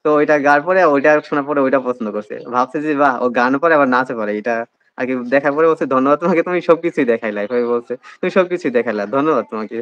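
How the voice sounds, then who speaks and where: A young man with a Bangladeshi Bengali accent, a guest in a casual interview, recounts his admission test with many hesitant fillers. His medium-pitched voice is very fast and a bit bright, and the audio sounds dull.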